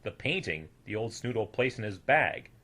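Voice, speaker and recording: Here the same kind of reader, a young man, tells a rhyming kids' tale in a sing-song, dramatic storyteller style. His pitch is fairly low and his pace is normal.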